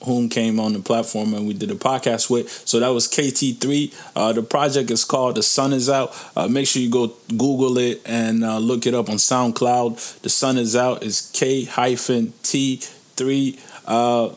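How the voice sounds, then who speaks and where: Guy from niger hosting a podcast, mid pitch, slangy rambly casual chat. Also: level tone, moderate pace. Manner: informal, slangy, rambling asides. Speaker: podcast host.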